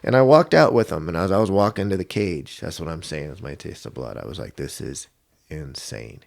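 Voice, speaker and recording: Man, middle-aged, from Washington state, very deep voice, casual podcast storytelling, acts out quotes. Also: quick pace, gravelly. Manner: animated storyteller, acts out quotes with big pitch jumps. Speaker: MMA coach, podcast guest.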